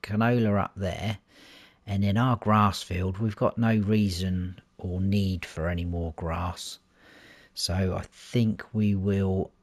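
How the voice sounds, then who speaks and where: A man's voice: deep voice, a little mellow, no echo. A man hosting a farming game series, talking casually and thinking aloud as he plays. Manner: chatty, thinks aloud, changes mind mid-sentence. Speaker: gaming channel host. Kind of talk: casual gameplay commentary.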